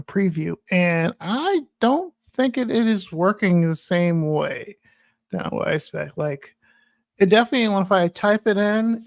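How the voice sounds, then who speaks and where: A man's voice: high-pitched, dry recording, studio quality. A man co-hosting a tech podcast, talking casually and hesitantly, searching for words. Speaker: podcast co-host.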